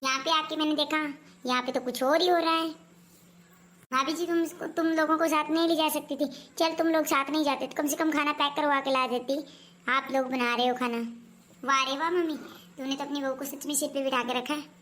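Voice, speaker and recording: A woman's voice: sits high, fairly even intonation, a little fast, a bit bright. A woman playing a nagging married daughter. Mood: scolding. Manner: nagging, reproachful. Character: meddling married daughter visiting her mother, grown woman. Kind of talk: amateur family skit.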